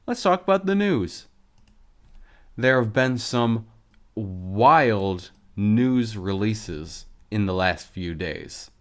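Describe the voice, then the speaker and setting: Brief: lisping male podcast host, unhurried, low-ish voice, eager snack chatter. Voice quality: lisp. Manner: chatty and enthusiastic about snack foods. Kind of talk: casual solo podcast monologue.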